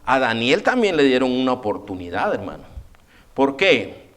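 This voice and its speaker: A man preaching a sermon in a church, animated, addressing listeners as brother and acting out biblical characters' voices. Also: medium pitch, moderate pace. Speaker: pastor.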